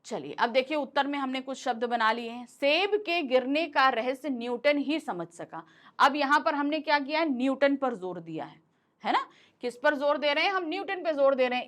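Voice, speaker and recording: A woman's voice: high voice, expressive, a little fast, a bit bright. A woman teacher explaining a Hindi grammar lesson, asking and answering her own questions and mixing in English words.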